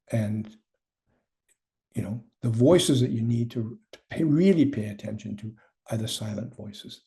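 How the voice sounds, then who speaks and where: Presenter, male, dark gravelly voice, earnest and repetitive, emphatic lists. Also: mid-range voice. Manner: earnest, repeats key points with stumbles. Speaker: chief negotiator. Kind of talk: panel presentation.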